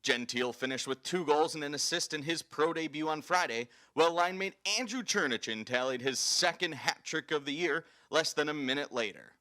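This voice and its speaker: A man hosting a hockey highlight show with scripted sports narration. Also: a little fast, hardly any pauses, pushed and bright.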